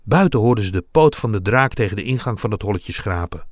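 Expressive male storybook reader. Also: fairly low pitch, quick pace, no room sound, clean studio sound. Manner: expressive, dramatic. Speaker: narrator. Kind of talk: children's storybook reading.

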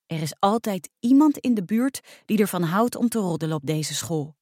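Woman reading a kids' chapter book out loud, very lively up-and-down voice, dry close mic. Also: mid-range voice, moderate pace, dry recording. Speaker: storyteller. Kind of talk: first-person storybook narration.

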